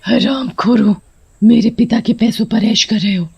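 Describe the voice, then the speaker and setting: A woman's voice: fairly high pitch, steady tone, normal speed, vocal fry, a little mellow, slightly rough, lo-fi sound, pitched above the performer's own voice, exaggerated voice. A woman voicing a furious, vengeful female witch spirit in a cartoon, snarling threats.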